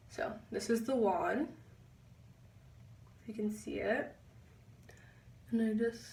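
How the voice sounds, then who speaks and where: A young woman giving a chatty makeup tutorial, pausing as she concentrates. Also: medium pitch, a little mellow, far from the mic. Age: young adult. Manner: chatty, halting while concentrating. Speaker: beauty vlogger. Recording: echoey room, a bit off-mic.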